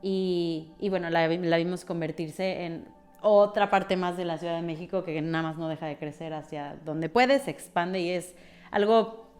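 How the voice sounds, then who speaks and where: A woman's voice: fairly low pitch, moderate pace, a little mellow, soft background music. A woman with a Mexican Spanish accent, a podcast guest who talks freely and thinks aloud with frequent fillers. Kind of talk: conversational interview.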